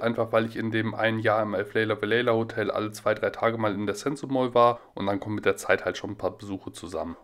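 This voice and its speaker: A man from Germany narrating a casual travel vlog in a relaxed, chatty way, full of small fillers. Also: medium pitch. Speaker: vlogger.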